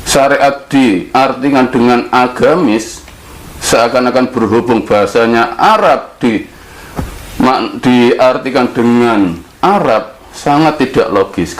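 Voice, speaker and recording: A man from Java giving an earnest monologue, slow and deliberate with long pauses. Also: fairly high pitch, poor audio. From Java, Indonesia. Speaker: speaker.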